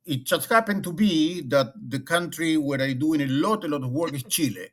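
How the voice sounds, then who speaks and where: A middle-aged Argentine man, a leadership consultant whose first language is Spanish, joins a remote conversational interview as a guest, his Argentine accent coloring every line. He speaks in a fairly high voice, animated, filling pauses with "eh" and "then." He restarts often and repeats words as he builds his point.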